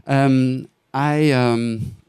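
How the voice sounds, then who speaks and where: A man giving a hesitant award ceremony speech, pausing often with fillers before announcing a winner. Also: mid-range voice, steady tone, a little mellow, clear, resonant tone. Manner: hesitant, halting with many fillers. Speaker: award presenter.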